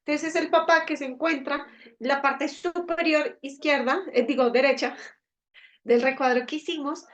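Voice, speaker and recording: Woman, high voice, teaching a parenting talk from home, keeps asking "sí?". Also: fairly even intonation, normal speed. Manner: explanatory, with frequent rhetorical "¿sí?" checks. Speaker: parenting workshop speaker. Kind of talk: live online talk to parents.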